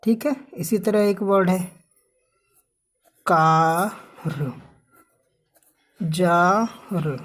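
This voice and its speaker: A woman's voice: mid-range voice, a little mellow. A woman teaching English sounds, who spells out words letter by letter and asks questions that she then answers herself. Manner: repeats "ठीक है" often. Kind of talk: slow classroom explanation with questions.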